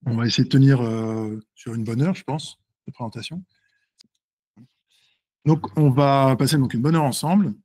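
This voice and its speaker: Husky-voiced man in his forties presenting. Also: mid-range voice, dark tone. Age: 40s. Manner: hesitant, many fillers and restarts, checks in with the audience; tends to speak fast. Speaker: seminar presenter and author. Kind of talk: live seminar talk to an audience.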